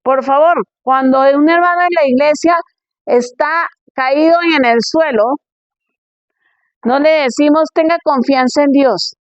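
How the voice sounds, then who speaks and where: A woman's voice: high-pitched, measured pace, no room sound, highs cut off. A woman pastor giving a conference sermon in a conversational way, firing rhetorical questions at her listeners.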